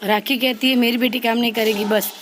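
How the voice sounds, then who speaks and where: A woman casually retelling a TV serial episode, reading the characters' lines in a flat, even voice with frequent stumbles and restarts. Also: fairly high pitch, brisk, background noise. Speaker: channel host recapping a TV serial. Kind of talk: casual spoken episode recap.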